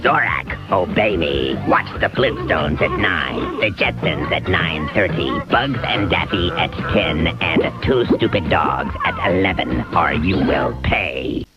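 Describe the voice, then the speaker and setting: A man voicing a menacing male alien overlord in a cartoon promo, his voice processed to sound deep and robotic, giving slow, flat commands. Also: highs cut off, over loud music. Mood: commanding. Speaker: cartoon channel announcer.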